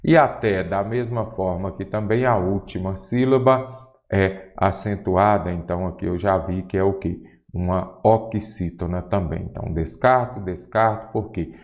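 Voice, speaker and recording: A man's voice: low-pitched, unhurried, darkish tone. A Brazilian man teaching Portuguese in an online exam-prep lesson, posing questions and answering them himself. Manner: didactic, asks and answers his own questions.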